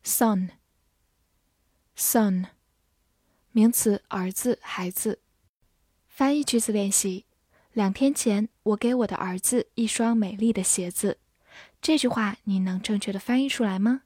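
A woman giving a scripted vocabulary lesson, spelling out letters and repeating each word slowly. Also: mid-range voice, mellow, breathy edge, dry recording, studio quality. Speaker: English teacher.

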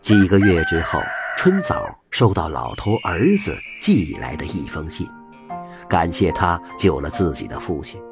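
A man telling a folk tale with an animated, expressive delivery. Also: sits low, measured pace, gravelly, music in the background. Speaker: storyteller.

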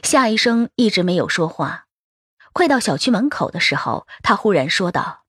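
A woman reading a first-person story aloud as an audiobook narrator, expressive in her telling. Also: mid-range voice, normal speed, breathy edge, no echo, studio quality.

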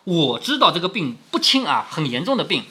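A man reads out a discreet young maid from a classic novel who sighs and speaks in a hushed, confiding way. The husky, bright voice stays lively in pitch, as in a storybook reading. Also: fairly quick, full character voice. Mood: sighing confiding. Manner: sighing, hushed.

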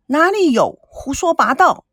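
Woman playing a flustered sharp-tongued young woman. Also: high-pitched, big pitch swings, unhurried, dry recording, clean studio sound, pitched above the performer's own voice, full character voice. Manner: sharp, scolding, defensive.

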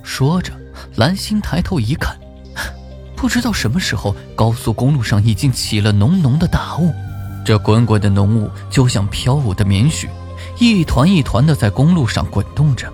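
A man narrating a folk ghost story in an expressive, suspenseful way. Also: mid-range voice, moderate pace. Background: faint music.

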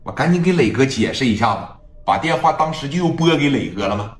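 Man, storytelling, animated, colloquial, echoey room, faint music. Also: medium pitch. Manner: brisk, colloquial, vivid. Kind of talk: colloquial gangster-story narration.

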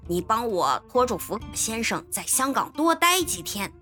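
A woman voicing a scheming male detective in a storybook reading, talking in a low, coaxing, conspiratorial way. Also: big pitch swings, normal speed, sharp tone, faint music behind, full character voice.

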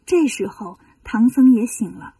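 A woman reads a children's story aloud in a lively, expressive voice. Her tone is mellow and slightly breathy, fairly high. The sound is dry, with the voice set a little back from the mic. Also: measured pace, no echo, far from the mic.

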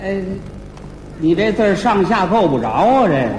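A man performing stage crosstalk comedy, bantering and trading riddles with quick comebacks. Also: high-pitched, very animated, a little mellow. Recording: echoey hall with faint hiss.

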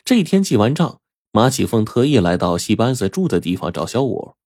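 A man telling a folk tale in an expressive, lively way, speaking close to the mic. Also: lowish voice, fairly quick, no echo. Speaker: storyteller. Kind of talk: oral storytelling.

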